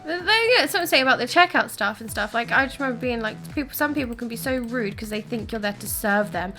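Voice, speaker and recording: A young woman chatting casually while playing a game, emphatic and quick to act out what people say. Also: fairly high pitch, lively intonation, bright, forceful tone, soft background music. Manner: chatty, emphatic, acts out quotes. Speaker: co-host. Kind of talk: casual chat while gaming.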